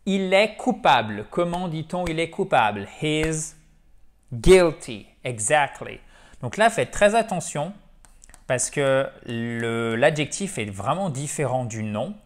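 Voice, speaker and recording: A man who speaks natively, teaching English in a lively, chatty way and drilling words over and over. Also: fairly high pitch, slow. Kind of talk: French-language English lesson.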